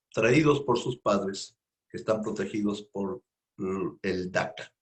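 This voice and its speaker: A man hosting a radio interview, giving a loose, rambling introduction full of fillers and repetitions. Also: lowish voice. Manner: rambling, repeats himself, filler words. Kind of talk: spoken radio introduction, informal. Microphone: studio microphone.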